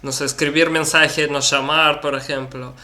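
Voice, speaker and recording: A man from Russia, a Russian native speaker learning the language, speaking haltingly as host and searching for words. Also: a little high, little pitch movement, crowd noise. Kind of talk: casual conversation.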